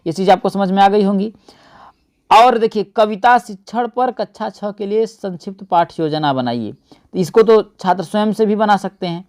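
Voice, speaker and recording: A man's voice: high-pitched, normal speed, a little mellow. A man teaching an exam-prep lesson, often asking and answering his own questions and calling his viewers friends.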